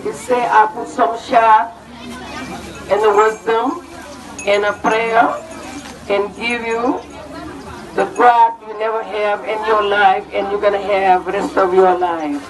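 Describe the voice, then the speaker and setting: A middle-aged Senegalese woman slowly interpreting a religious address phrase by phrase. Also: mid-range voice, little pitch movement. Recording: distant mic with crowd behind.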